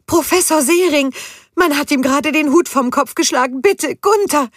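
A woman reading an audiobook, voicing a frantic, pleading woman in distress who shouts in a shrill voice. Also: brisk, no echo, studio quality.

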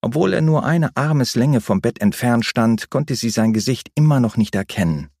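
A man narrating an audiobook thriller in a measured, suspenseful way. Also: medium pitch, animated, a little mellow, no room sound, studio quality.

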